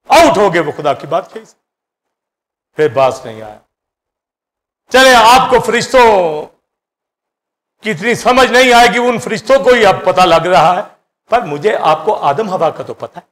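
Holding a mic in a church hall, a middle-aged pastor with a Pakistani Urdu accent gives a sermon, alternating between loud outbursts and quiet asides. His voice is high.

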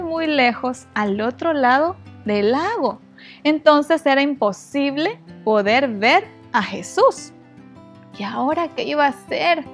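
A woman narrates a Bible story for children with a high, expressive voice. She speaks gently and turns to her young listeners with questions, and faint music plays behind her.

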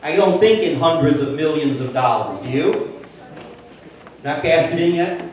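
Woman pastor, relaxed jokey sermon, recorded from a distance in a reverberant sanctuary with faint hum. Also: sits low, normal speed. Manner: chatty and joking, asks the congregation questions. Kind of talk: conversational sermon. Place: church sanctuary. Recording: very echoey church, voice off-mic, faint room hum.

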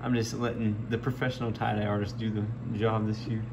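A man's voice: lowish voice, flat delivery, fairly quick. A young man hosting a casual vlog, upbeat and joking as he narrates. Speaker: vlogger. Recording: noisy background.

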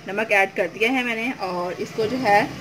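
A woman's voice: mid-range voice, measured pace. A woman, hosting a home cooking tutorial and explaining each step patiently, with frequent fillers. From Pakistan. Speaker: cooking channel host. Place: home kitchen. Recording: noisy home recording.

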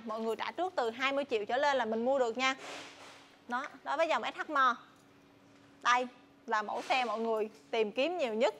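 A young woman with a southern Vietnamese accent presents stock in a casual sales style. Her voice is high-pitched and her talk is chatty, with hesitations and repeated words. She is on a lapel mic in a large warehouse with faint background noise. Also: sharp tone. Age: young adult. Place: large tin-walled motorbike warehouse. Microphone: clip-on lapel mic.

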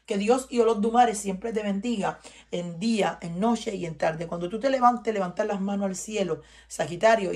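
A husky, low-leaning voice belongs to this Cuban tarot reader, whose Cuban Spanish accent colors an emphatic, sermonizing reading for her viewers. She tends to say the same things over again.

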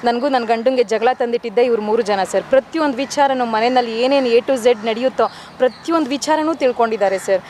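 A woman's voice: on the high side, brisk, hardly any pauses, darkish tone, a little hiss or hum. A woman in her forties, a widow, making a complaint to news reporters in an urgent, pleading way and calling the reporter sir again and again. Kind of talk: news interview statement.

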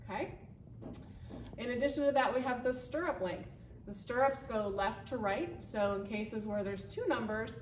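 A volunteer trainer, a woman with a slightly high voice, explains a barn board, pointing at a whiteboard as she talks and saying um often. It's an instructional walkthrough in an indoor barn office with a wood-paneled wall. The sound is roomy and slightly distant, with faint ambience and a little hiss or hum.

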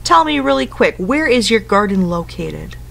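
Sitting on a living room couch at home, a woman in her thirties reads a picture book aloud to young children in a mid-range, very animated, creaky and fairly bright voice at a moderate pace. She gives simple instructions and asks them questions.

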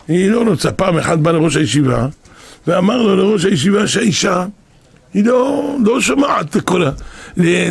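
An older man who is a rabbi, giving an impassioned Torah lesson that often rises to shouts and repeats itself. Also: fairly high pitch, creaky, husky. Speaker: rabbi teaching a class.

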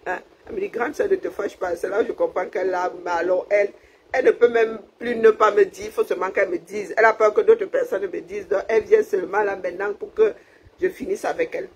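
A woman's voice: mid-range voice, steady tone, fast, darkish tone, a little hiss or hum, low-quality recording. A woman from Cameroon, chatting casually on a livestream, laughing often and thanking her viewers. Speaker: livestream host. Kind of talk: casual live chat with viewers.

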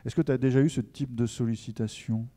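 A man's voice: medium pitch, steady tone, quick pace, mellow. A middle-aged man moderating a round table in an informal way, thinking aloud. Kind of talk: moderating a panel discussion. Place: stage of an indoor conference hall. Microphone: handheld microphone.

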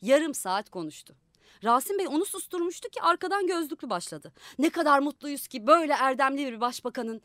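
A woman reading a literary short story aloud in a radio studio, acting out the characters with changes of pitch and loudness. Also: lively intonation, a little fast, no echo. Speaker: audiobook narrator. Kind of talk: scripted literary narration.

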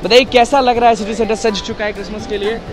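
A young man reports from inside a large shopping mall, his voice pitched high and upbeat. He repeats phrases in a presenter's patter as he speaks into a handheld mic. Clear music plays behind him. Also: fairly even intonation, fast. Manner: upbeat, repetitive presenter talk. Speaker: street reporter. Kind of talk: vox-pop reporting.

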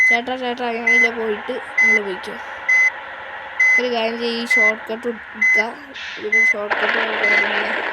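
A chatty woman, her voice sitting a little high as she talks through a bus-driving game. Engine rumble and traffic sounds from the game run clearly under her voice. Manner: chatty, often cries out at near crashes. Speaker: gaming YouTuber. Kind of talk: casual gameplay commentary.

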